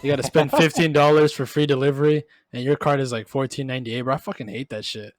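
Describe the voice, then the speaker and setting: A man's voice: mid-range voice, fairly even intonation, fast talker, no room sound. A tipsy man co-hosting a podcast, chatting casually with profane slang and bits of Spanish. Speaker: podcast co-host. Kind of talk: casual banter with friends.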